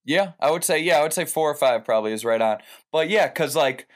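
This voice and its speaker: A man's voice: on the high side, lively intonation, fast talker. Rambling young man telling stories. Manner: rambling, full of "like" and "you know". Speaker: guest, professional wrestler. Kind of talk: casual storytelling.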